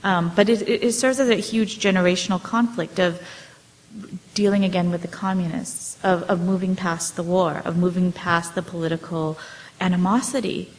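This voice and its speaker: A woman in her forties, an author fielding audience questions, tells her family's history in a casual storytelling way, loose and hesitant, with plenty of fillers and restarts. Her voice sits lowish with fairly even intonation and a normal speed. The recording is rough.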